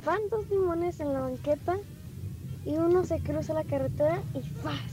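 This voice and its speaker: Woman caller, high voice, sing-song joke telling, loud noise behind. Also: moderate pace.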